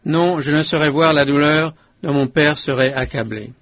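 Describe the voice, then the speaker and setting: A man reading the part of Judah, a grown brother begging a powerful ruler, humble and imploring in a scripted audiobook. The voice sits a little high for a man. The recording sounds dull and lo-fi. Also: moderate pace, a bit bright, no room sound, natural voice. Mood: pleading.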